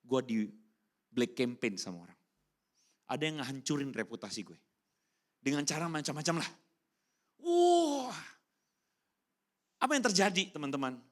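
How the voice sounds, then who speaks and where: A man preaching a casual youth sermon in speech, slangy and animated, keeping up a run of rhetorical questions to the congregation. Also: fairly high pitch, moderate pace, long pauses. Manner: animated, keeps asking the crowd rhetorical questions; slangy and informal, breaks into English phrases. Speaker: youth pastor. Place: church hall during a service.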